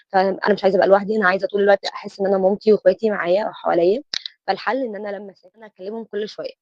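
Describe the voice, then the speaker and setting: A woman's voice: mid-range voice, no room sound, lo-fi sound. A woman with an Egyptian Arabic accent giving a motivational self-help lecture, posing questions and answering them herself.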